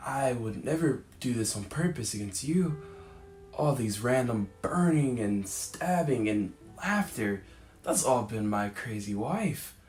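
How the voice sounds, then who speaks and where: A man playing a lovesick, pleading gentleman suitor in an amateur comedy skit, declaiming earnestly. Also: medium pitch, expressive, unhurried, close to an everyday voice. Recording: echoey room, music underneath.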